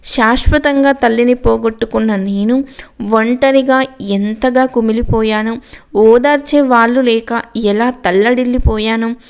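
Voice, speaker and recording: Storybook: woman reading as grieving young woman, direct and reproachful, clear tone. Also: fairly high pitch, fairly even intonation, a little slow. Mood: sorrowful.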